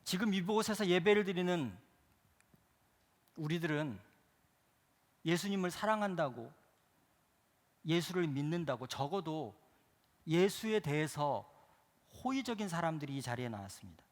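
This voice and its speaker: A man's voice: on the high side, lively intonation, normal speed, long pauses, in a large hall. A male pastor preaching a sermon, driving it with emphatic rhetorical questions that build in intensity.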